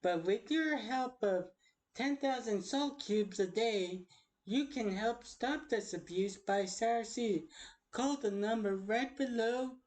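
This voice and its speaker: A woman playing an earnest charity infomercial announcer in a lowered voice. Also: slow, darkish tone. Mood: solemn.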